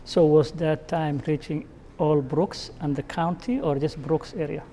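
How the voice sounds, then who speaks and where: A man's voice: on the high side, steady tone, a little slow, warm tone, a little hiss or hum. A male host asking guests questions in an interview, with frequent short acknowledgements. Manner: asks friendly questions with short backchannels. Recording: reverberant room.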